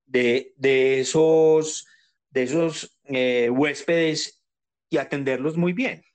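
A man's voice: mid-range voice, fairly even intonation, slow. A man, speaking conversationally as an interviewer. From Colombia.

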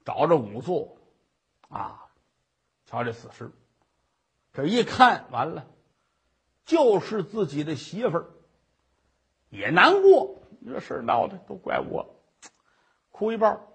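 A male storyteller spinning a traditional tale with dramatic asides. His voice is high and very husky, and his delivery is unhurried and lively. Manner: vivid, dramatic narration with asides. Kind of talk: traditional Chinese storytelling performance.

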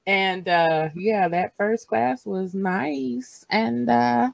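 A woman's voice: mid-range voice, extremely slow, vocal fry, no echo. Chatty woman podcaster, dry sound. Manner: chatty, laughs often, many fillers. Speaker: podcast co-host. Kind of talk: casual movie discussion chat.

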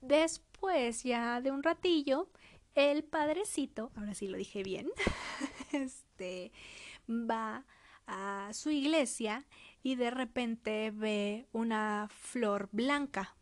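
Woman, casual storyteller, fairly high voice, chatty, self-correcting, laughs to herself. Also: extremely slow.

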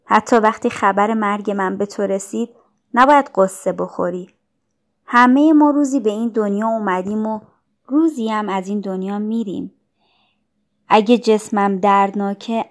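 Woman doing a gentle dying girl. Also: medium pitch, lightly acted. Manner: soft, mild and calm. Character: dying young girl, gentle, calm and kind.

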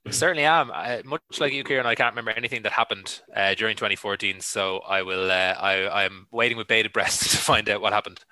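A man co-hosting a podcast, tossing in quick joking asides. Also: fairly low pitch, pushed and bright, no echo. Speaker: podcast co-host. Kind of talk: casual podcast chat.

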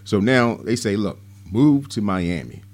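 A man's voice: fairly low pitch, expressive, measured pace, a little mellow. A man hosting a podcast in casual chat, laid-back with playful interjections. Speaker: podcast host.

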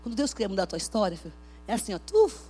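A woman preaching a Pentecostal sermon at a church service, emphatic, swinging between loud outbursts and hushed talk. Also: mid-range voice, rapid-fire, a little hiss or hum.

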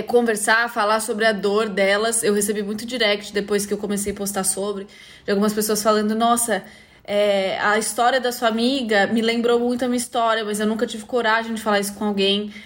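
A woman's voice: medium pitch, flat delivery, normal speed, fairly bright tone. A woman hosting a podcast, talking in an earnest, reflective way with many fillers. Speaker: podcast host. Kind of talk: casual podcast conversation.

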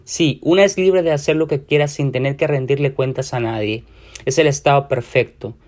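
A man's voice: medium pitch, normal speed, a little mellow, natural voice. A man voicing a chatty, distracted, flirty divorced woman friend, drawing out her breezy words.

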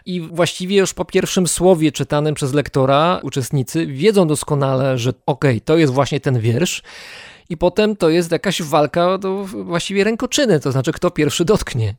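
A man's voice: fairly high pitch, moderate pace, no echo. Inquisitive male interviewer, dry sound. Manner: inquisitive, thinking aloud. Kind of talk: interview questions.

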